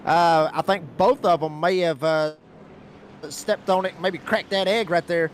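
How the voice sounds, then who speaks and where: High-pitched folksy male race announcer. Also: fairly even intonation, measured pace, a little hiss or hum. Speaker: lead race commentator. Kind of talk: play-by-play motorsport commentary.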